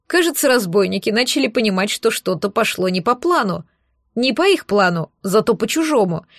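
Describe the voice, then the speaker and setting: Bright-voiced woman narrating an audiobook. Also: fairly high pitch, dry recording, clean studio sound.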